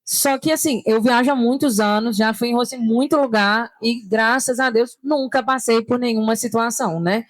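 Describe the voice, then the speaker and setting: A chatty Brazilian woman with a slightly high voice shares practical travel advice in a friendly, easygoing way. The sound is close and dry. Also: normal speed, hardly any pauses, dry recording. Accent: Brazilian Portuguese. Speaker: panel guest, solo traveler. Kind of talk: casual panel conversation. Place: stand at a tourism fair.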